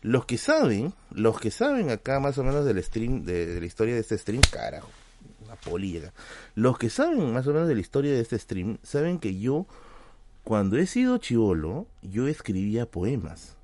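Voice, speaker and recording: A Peruvian man spins a casual anecdote for his stream chat, his pitch swinging up and down as he talks. His delivery is slangy and chatty, full of little check-ins to the audience. The sound is dry and close, with no room around it. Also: huge pitch swings, moderate pace, a little mellow, dry recording. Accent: Peruvian Spanish. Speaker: livestream host.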